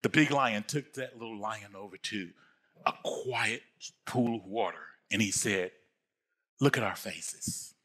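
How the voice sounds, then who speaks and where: A man's voice: lowish voice, measured pace, pushed and bright, husky. An older man preaching a sermon as pastor, emphatic, repeating phrases and asking his congregation questions.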